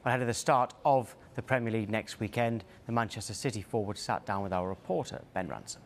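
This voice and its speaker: A man's voice: on the low side, fast talker, a little hiss or hum. A man in his thirties presenting sports news in a scripted broadcast style. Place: television news studio. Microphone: lapel mic. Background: music.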